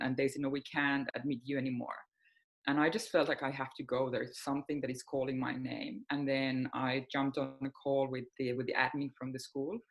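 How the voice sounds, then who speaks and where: Reflective and open, this guest fills her speech with many soft fillers during a casual interview chat about her work as a healing coach. A woman in her forties from Finland whose native tongue is Finnish, she has a rumbling low voice captured on a rough recording.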